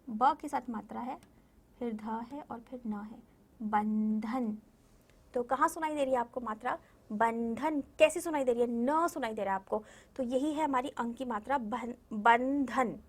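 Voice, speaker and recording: A woman with a high voice teaches a recorded lesson to small children. She speaks patiently and sounds words out slowly, repeating them. She keeps asking the class questions and answering them herself. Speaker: primary school Hindi teacher.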